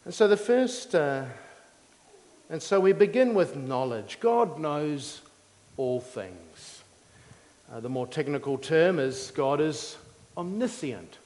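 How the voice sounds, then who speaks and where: Higher-voiced male preacher in an echoing hall. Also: animated, darkish tone. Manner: measured, didactic, explaining simply in short phrases. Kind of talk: teaching sermon. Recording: long hall reverb.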